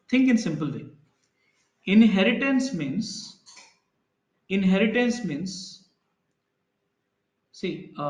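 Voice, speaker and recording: Male instructor, slightly high voice, echoey room, explains with simple examples and quizzes students. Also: fairly bright tone. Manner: explains with everyday examples, asks students questions. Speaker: programming instructor. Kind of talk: live online class lecture.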